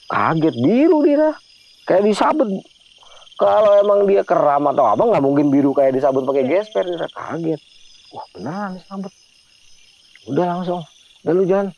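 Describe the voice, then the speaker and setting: A man's voice: a little high, gravelly, a little mellow, dull audio. A man telling a hiking horror story in casual slang, often turning to address his listener by name. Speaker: storyteller guest.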